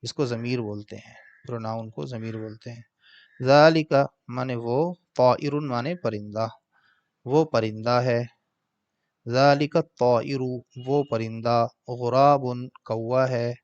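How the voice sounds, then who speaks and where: A man teaching an Arabic grammar lesson, translating word by word in a slow, patient way. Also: mid-range voice, fairly even intonation, lo-fi sound.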